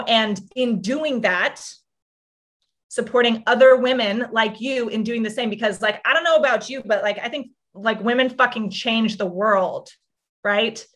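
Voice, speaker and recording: A woman's voice: mid-range voice, fairly bright tone. A woman business and mindset coach giving a casual motivational talk, chatty and effusive, full of "like" and swearing.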